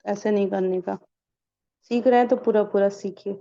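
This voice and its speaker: A woman's voice: medium pitch, fairly even intonation, gravelly, warm tone, dull audio. A woman teaching a recitation class for women, quizzing the learners and answering her own questions. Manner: quizzing, asks questions and answers them herself. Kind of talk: online tajweed class for women.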